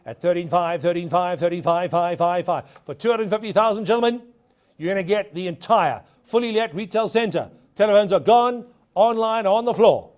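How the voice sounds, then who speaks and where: Male auctioneer, notably high pitch, live bid calling with insistent repeated phrases. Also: darkish tone. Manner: rapid repetitive auction chant with emphatic calls. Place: auction studio with bidders on the floor.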